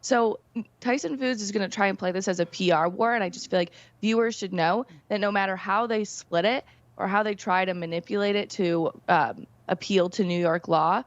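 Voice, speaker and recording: A woman's voice: medium pitch, normal speed, no echo, muffled recording. A woman commentating as a guest on a news panel, arguing her points emphatically in casual wording. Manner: emphatic and argumentative, casual phrasing.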